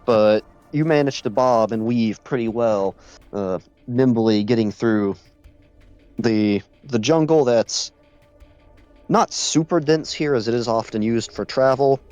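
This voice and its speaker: A congested man narrating as game master, halting with many restarts and fillers, who keeps clearing his throat. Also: mid-range voice, darkish tone, no echo, muffled recording, soft background music.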